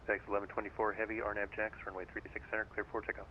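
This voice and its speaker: A man working as an air traffic controller, giving rapid, clipped instructions in radio phraseology. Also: lowish voice, completely flat delivery, highs cut off.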